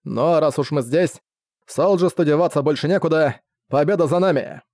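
A cunning young prince, voiced by a male narrator, talks in a casual, wry tone with a fairly high voice. The recording is dry and close-miked. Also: normal speed, a little mellow, dry recording, close to an everyday voice.

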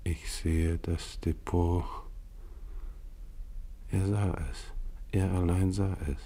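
A man's voice: sits low, little pitch movement, slow pace, mellow, exaggerated voice. An actor playing a grim, exhausted male polar expedition captain, narrating in a solemn, psalm-like recital for a 1950s radio play. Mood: somber.

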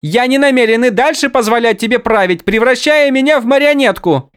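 A petulant young king with a high, polished voice that snaps out haughty, clipped commands. The audiobook recording is close and dry, with no room around it. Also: brisk, a bit bright, clear, resonant tone, no echo. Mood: indignant. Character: petulant young male king, imperious and touchy. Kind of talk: audiobook character voice.

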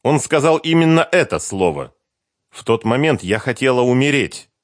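A man's voice: mid-range voice, very animated, normal speed, dry recording, studio quality, close to an everyday voice. A man voicing a hurt, accusing young woman who confronts her former lover with pressing questions.

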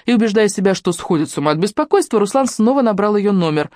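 A narrator reading a novel aloud in a steady, measured way into a close microphone. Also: mid-range voice, no echo. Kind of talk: audiobook narration.

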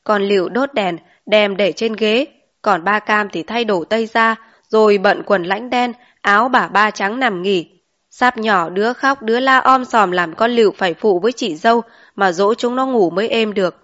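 A woman reading a classic novel aloud as an audiobook narrator, in an even storytelling manner. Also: medium pitch, normal speed. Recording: dull lo-fi recording.

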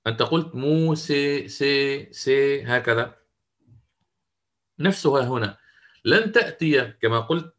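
A man at a middle pitch gives a methodical lesson on recitation. He poses questions to his class and answers them himself. He sounds out sample words slowly and repeats each one. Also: fairly bright tone. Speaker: Quran recitation teacher. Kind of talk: recorded lesson on recitation rules.

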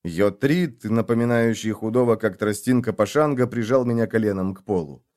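A man's voice: on the low side, a little fast, a little mellow. A man narrating a fantasy audiobook in the first person, reading dramatically.

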